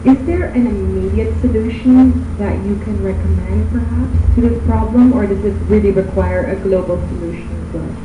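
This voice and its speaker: A woman's voice: mid-range voice, normal speed, few pauses. A woman putting formal questions to contestants as a pageant judge. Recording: distant, echoey, dull, noisy background.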